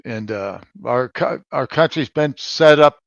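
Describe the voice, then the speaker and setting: A man in his seventies from Colorado, a navy veteran recounting his service in a halting way, with frequent pauses and loudness that rises and drops. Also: mid-range voice, gravelly, dry recording, dull audio. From Colorado, United States. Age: 70s. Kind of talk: conversational interview answers.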